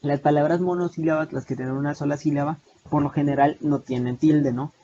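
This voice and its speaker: A man's voice: fairly high pitch, fairly even intonation, fairly quick, mellow. A young man with a Salvadoran Spanish accent, teaching an online class over slides, explaining steadily with many hesitations and restarts. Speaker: online tutor. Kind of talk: lecturing over video call slides. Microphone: video call mic. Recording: muffled lo-fi video call with faint noise.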